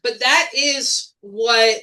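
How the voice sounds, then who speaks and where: A woman from the Chicago area chats casually on a podcast, blunt and animated as she describes the work. Her voice is bright and forward. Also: fairly high pitch, extremely slow. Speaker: band member.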